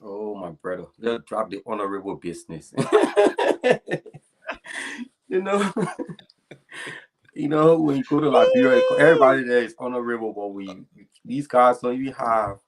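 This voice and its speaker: A man talking as a guest on a talk show, halting and laughing between his thoughts. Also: mid-range voice, expressive. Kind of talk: casual interview chat.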